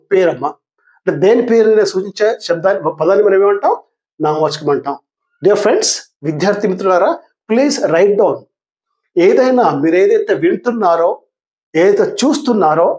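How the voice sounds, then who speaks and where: An older man with a high but darkish voice teaches a grammar lesson. Patient and warm, he repeats terms, asks the class questions, and calls his students dear. He reads English definitions out very slowly and deliberately.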